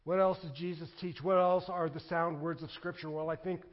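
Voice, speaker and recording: A pastor preaching a sermon, moving between quiet scripture reading and loud emphatic declarations. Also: male voice, fairly high pitch, flat delivery, brisk, highs cut off.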